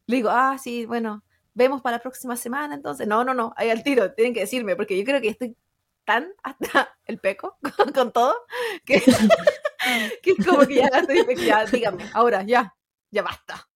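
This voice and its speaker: A woman's voice: on the high side, normal speed, husky. A woman with a Chilean accent co-hosting a podcast, chatting casually and laughing often as she tells stories. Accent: Chilean Spanish. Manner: laughs often, animated storytelling. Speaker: podcast co-host. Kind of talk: casual chat.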